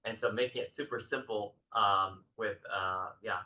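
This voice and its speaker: Bright-voiced hesitant male interviewer. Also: lowish voice, fairly even intonation, normal speed. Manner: hesitant, many fillers. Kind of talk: casual interview questions. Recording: dull echoey room audio.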